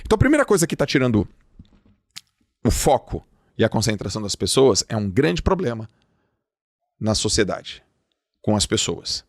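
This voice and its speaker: Gravelly-voiced man giving an animated motivational talk. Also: on the low side, normal speed, long pauses, dry recording, clean studio sound. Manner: emphatic, acts out little dialogues. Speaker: motivational speaker.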